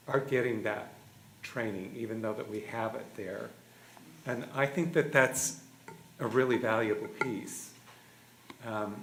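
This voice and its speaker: Brief: man chairing a board meeting, slow and low-voiced, echoey room with faint ambience. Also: fairly bright tone, a little hiss or hum. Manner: slow, measured, hesitant.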